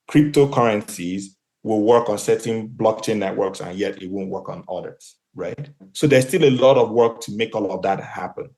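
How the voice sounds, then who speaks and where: On a podcast, the co-founder and CEO of a marketplace, a Nigerian man whose mother tongue is Igbo, answers thoughtfully with frequent fillers and restarts. His voice is lowish with a darkish tone.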